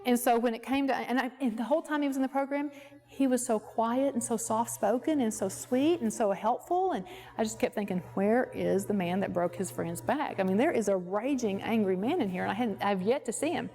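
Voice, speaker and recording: A woman's voice: fairly high pitch, brisk, warm tone. A woman therapist presenting a workshop, talking conversationally and telling stories from her practice. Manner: conversational, storytelling, acts out quoted dialogue. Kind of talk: lecture with personal anecdotes. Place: workshop at a ranch.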